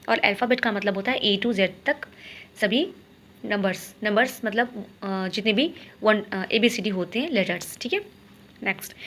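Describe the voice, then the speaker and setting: A woman teaching an exam-prep grammar lesson. She reads each sentence slowly, then explains it quickly and checks with "ok?". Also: medium pitch, a bit bright, slight background noise.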